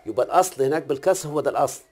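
A man with an Egyptian Arabic accent talks quickly through a grammar lesson, pressing his student with questions. His voice sits at an ordinary middle pitch. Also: darkish tone. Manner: questioning, repeatedly checks the student understands. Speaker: Quran recitation teacher. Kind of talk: one-on-one grammar and recitation lesson.

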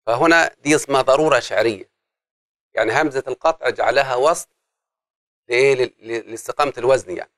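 An Egyptian-accented man leads a lesson on Arabic grammar and poetic meter. He chants the meter's syllables slowly and draws answers out of his students with quick prompts. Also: medium pitch, a bit bright. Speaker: Arabic grammar and prosody teacher.

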